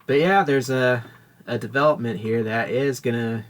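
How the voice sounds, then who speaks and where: A man's voice: medium pitch, moderate pace. A man hosting a casual solo podcast, rambling and correcting himself as he talks. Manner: rambling, self-correcting, chatty. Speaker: podcast host.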